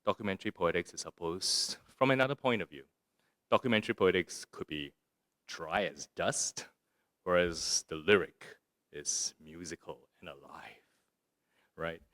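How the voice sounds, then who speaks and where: A man's voice: low-pitched, normal speed, a bit bright, no echo, studio quality. A man from Singapore, giving a musing, conversational talk on poetry that includes a reading, and often asking his audience a rhetorical "right?". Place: arts center lecture room.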